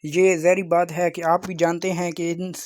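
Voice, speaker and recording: A man hosting an informal video sales pitch, insistent and repetitive like a salesman. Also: level tone, normal speed, a little mellow. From Pakistan. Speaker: YouTube channel host selling crockery.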